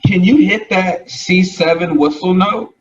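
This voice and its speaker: A man's voice: high-pitched, measured pace. A man hosting a casual livestream interview, laid-back and slangy in the way he talks. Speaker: interview host. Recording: distant, dull audio with faint noise.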